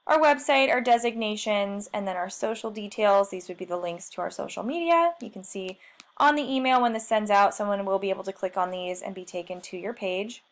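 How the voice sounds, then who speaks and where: Chatty woman giving a software walkthrough. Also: medium pitch, a little fast. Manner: chatty, self-deprecating, thinking aloud. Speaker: marketing trainer. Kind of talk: screen-share software tutorial.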